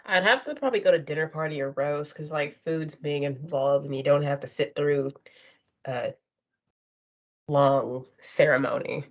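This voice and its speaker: A woman's voice: low-pitched, moderate pace. A woman co-hosting a podcast in casual chat, giving blunt opinions and repeating phrases for emphasis. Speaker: podcast co-host. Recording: dull, lo-fi podcast audio.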